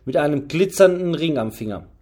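A man reading as a gruff, impatient knight. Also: on the high side, expressive, brisk, dark tone. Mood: stern. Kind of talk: audiobook reading.

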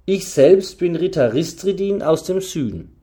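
A man reading the part of a famous knight who leads his band, speaking patiently and with calm authority in an audiobook. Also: sits high, slightly rough, pitched above the performer's own voice, exaggerated voice. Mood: measured. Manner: patient, measured and commanding.

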